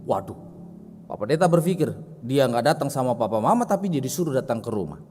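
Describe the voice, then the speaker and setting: A man's voice: mid-range voice, sing-song, fast, a little mellow, slightly rough. A man preaching a sermon in a church, talking directly to the congregation and telling a story with vivid voices. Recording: echoey church hall.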